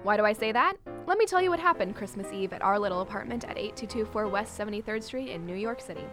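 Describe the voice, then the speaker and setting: An actress narrating and playing a sensible young roommate in a 1940s radio comedy, with dry, deadpan asides. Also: female voice, mid-range voice, quick pace, over music, natural voice.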